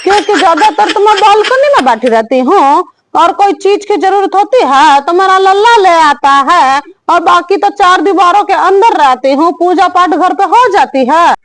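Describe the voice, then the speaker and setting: A woman voicing a bossy, aging mother-in-law who nags slowly and scolds in a comic family sketch. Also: extremely high pitch, expressive. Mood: contented. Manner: slow, scolding, drawn-out nagging.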